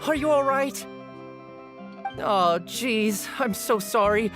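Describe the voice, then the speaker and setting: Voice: mid-range voice, takes it slowly, over music, natural voice. An actor playing an earnest young newspaper seller in a video game, eager, hesitant and apologetic.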